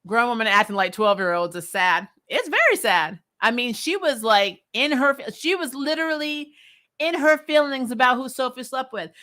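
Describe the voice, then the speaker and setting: Her voice sits a little high and swings widely in pitch, moving at a normal speed with a sharp edge. Hosting a recap livestream, she reads viewer comments and answers them in casual, blunt, opinionated chat, sounding exasperated and giggly.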